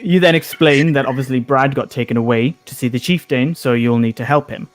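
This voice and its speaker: Man running a tabletop game, halting narration. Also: medium pitch. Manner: halting, improvised storytelling. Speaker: game master. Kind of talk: live tabletop game narration, casual and improvised.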